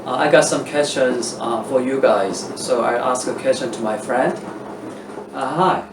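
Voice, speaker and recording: A man's voice: mid-range voice, unhurried, background noise. A man hosting a casual interview, asking questions hesitantly and with many fillers. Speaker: interviewer and channel host. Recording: echoey room, mic at a distance.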